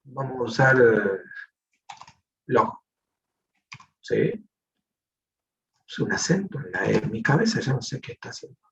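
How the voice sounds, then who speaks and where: A man's voice: medium pitch, very animated, measured pace, long pauses, fairly bright tone. Rioplatense man teaching a coding class. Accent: Rioplatense Spanish. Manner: explanatory, checks in with frequent "¿sí?". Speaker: programming teacher. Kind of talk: online class, live coding. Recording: distant, muffled online class audio.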